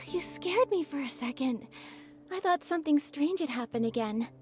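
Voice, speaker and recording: Young female game lead: high-pitched, gentle, brave. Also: lively intonation, normal speed, soft background music. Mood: friendly. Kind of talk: scripted game dialogue.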